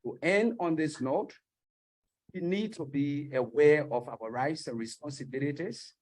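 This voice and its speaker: A man giving earnest, measured closing remarks as a panel speaker. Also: fairly high pitch, darkish tone, poor audio.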